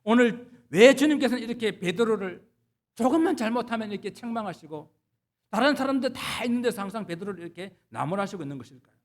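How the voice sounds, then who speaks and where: A man's voice: high-pitched, animated, fast. A man, a pastor, preaching a Sunday sermon, retelling scripture stories and asking the congregation rhetorical questions.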